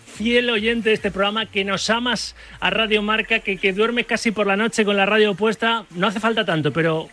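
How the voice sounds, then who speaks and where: A man hosting a sports radio show, energetic and joking, with quick asides to guests and callers. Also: high voice. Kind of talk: lively sports radio chat.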